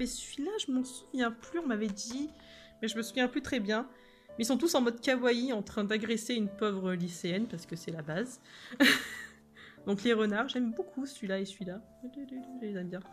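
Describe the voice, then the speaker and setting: Woman illustrator, casual sketchbook chat, giggly and hesitant, mid-pitched voice. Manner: chatty, giggly, many hesitations. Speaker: illustrator showing her sketchbook. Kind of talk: casual sketchbook tour commentary.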